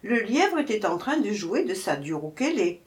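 A woman reading a folk tale aloud as storyteller. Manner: slow, expressive reading with wide pitch swings. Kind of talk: storybook narration.

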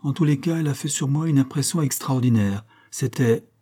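A man's voice: medium pitch, brisk, warm tone, pitched above the performer's own voice, close to an everyday voice. A man doing a prim, impassioned schoolteacher aunt. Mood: impassioned confiding. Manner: earnest, impassioned confiding. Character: prim unmarried teacher aunt, emotional, confiding.

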